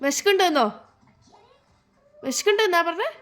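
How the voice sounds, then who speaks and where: A mother in a casual home vlog, gently coaxing her small child and patiently repeating the same questions. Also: very high-pitched, lively intonation, normal speed, faint music behind. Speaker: mother vlogging with her toddler.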